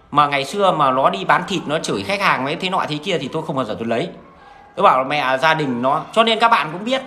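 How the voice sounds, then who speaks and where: A man's voice: sits high, bright, forceful tone. A man with a Northern Vietnamese accent, talking to his viewers in a blunt, crude, rambling monologue full of restarts. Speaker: vlogger addressing viewers.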